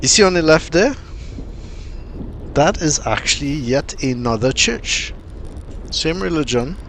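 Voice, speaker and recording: A man from Trinidad, giving casual, unhurried vlog commentary with plenty of fillers and pauses. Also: a little high, lively intonation, fairly bright tone, a little hiss or hum. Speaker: cycling vlogger.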